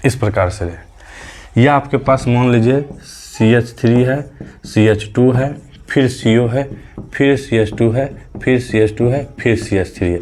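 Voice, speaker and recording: Slow, patient male chemistry teacher. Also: medium pitch, darkish tone, slight background noise. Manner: patient, repeats key terms as questions, counts aloud step by step. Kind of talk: classroom lesson.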